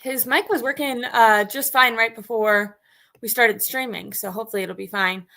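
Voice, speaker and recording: A chatty woman hosting a live-streamed sports talk show, her voice bright and forward, pitched a little high. She talks loosely, with plenty of ums and likes as she reads off stats. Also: normal speed, gravelly. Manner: chatty, many fillers, reads stats aloud. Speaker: sports podcast host.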